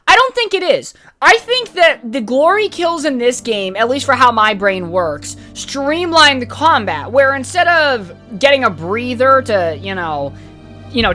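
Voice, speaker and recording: A woman's voice: fairly high pitch, bright, forceful tone. Rambling, candid woman podcaster. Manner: rambling and candid, frequent fillers and swearing. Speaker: podcast host reviewing a video game. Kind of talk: casual opinionated review.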